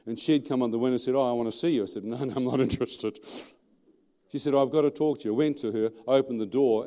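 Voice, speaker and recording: A middle-aged Australian man preaching his testimony in a lively, colloquial storytelling manner, often putting questions to the audience. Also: medium pitch. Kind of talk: storytelling sermon.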